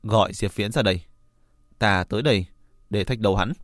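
A cold, arrogant middle-aged martial master speaks in a flat, indifferent low voice, as a man reads him. The recording is dry and close, with no room sound. His words come out unhurried and unimpressed. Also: dry recording, lightly acted.

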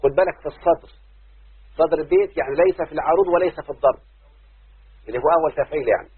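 An Egyptian man leads a class on poetic metre, going step by step and checking that his students follow. His voice is somewhat high and very husky. The recording is thin and phone-like. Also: very fast. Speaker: teacher of Arabic prosody. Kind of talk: classroom lesson.

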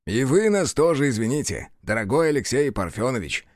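A man's voice: medium pitch, sing-song, fairly quick, dry recording, studio quality, close to an everyday voice. A man doing a brash, sardonic monster hunter. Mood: mocking. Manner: brash, mocking.

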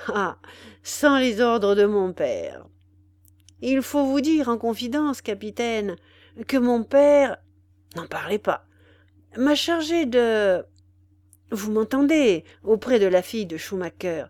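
A woman's voice: on the high side, sing-song, takes it slowly, long pauses, a little mellow, dry recording. A woman voicing a vain, foppish young male officer in a storybook reading, chattering and boastful.

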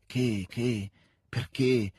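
A weary, brooding nobleman, as a male reader plays him in an audiobook-style reading, speaking low and halting as if pushing words away. The voice is very husky and dry, recorded close. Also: fairly even intonation, darkish tone, dry recording, heavily acted. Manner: halting, subdued and evasive.

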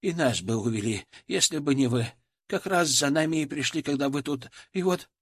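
A man's voice: a little high, lively intonation, normal speed. A man voicing a flustered gray-haired old man who mumbles and hesitates.

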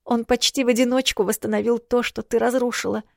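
A delicate young princess with a high, eager voice that spills over in breathless, fretful chatter, as an audiobook reader puts her on. She sounds sweet and easily upset, her words tumbling out quickly. The take is close and dry, with no room around it. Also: steady tone, creaky, dry recording. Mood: guilt-ridden. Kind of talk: audiobook character voice.

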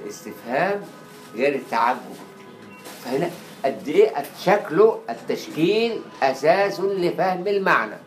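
A man with an Egyptian Arabic accent giving a lecture on Arabic writing. He is animated, acts out quoted dialogue and repeats words to drill pronunciation. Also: on the high side, normal speed, faint music behind. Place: lecture hall. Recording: echoey lecture room with faint hiss.

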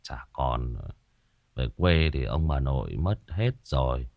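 Male host, very low voice, dry close sound; chatty reminiscing with repetitions. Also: a little slow, gravelly, no echo. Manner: chatty, animated when reminiscing, many repetitions. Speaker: ghost story podcast host. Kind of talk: casual reflective storytelling to listeners.

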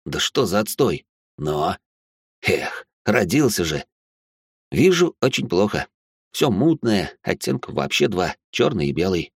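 A man's voice: low voice, very animated, a little slow, creaky, slightly rough, no echo, clean studio sound. A man narrating a first-person audiobook with a sardonic, swearing inner voice.

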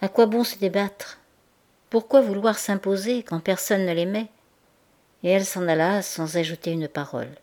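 Woman reading a classic novel aloud. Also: medium pitch. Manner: measured, expressive reading. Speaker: audiobook reader.

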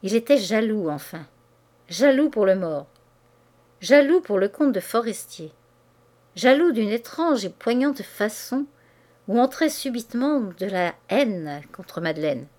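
A woman reads a classic novel as an audiobook in a mid-range voice, her delivery measured and expressive.

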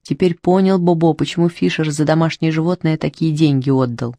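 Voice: mid-range voice, steady tone, brisk, mellow, no echo. Dry close-miked storybook narrator. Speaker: audiobook narrator.

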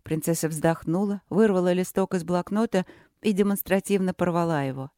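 Dry, measured audiobook narrator. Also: medium pitch, mellow, no room sound.

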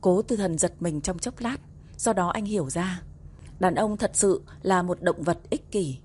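A woman narrates a romance audiobook in a calm, even delivery. Her voice sits low and sounds warm and mellow, with a steady, unhurried tone. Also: slight background noise. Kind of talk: scripted narration.

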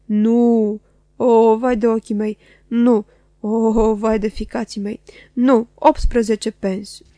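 A woman's voice: medium pitch, level tone, mellow, no echo, natural voice. A woman doing a wailing old junk-dealer man. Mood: shouting. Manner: moaning singsong wail rising and falling.

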